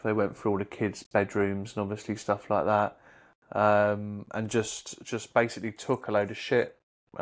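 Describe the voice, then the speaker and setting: A man in his thirties co-hosting a casual podcast chat, swearing a lot and jumping high in pitch when he argues. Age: 30s. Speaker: podcast co-host.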